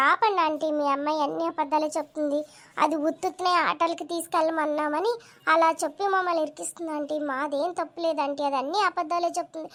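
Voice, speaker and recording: A woman's voice: very high-pitched, fairly bright tone. Woman voicing a whiny cartoon schoolboy. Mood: pleading. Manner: whiny, complaining, quick to panic. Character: young schoolboy, mischievous elder brother. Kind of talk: cartoon voice dubbing.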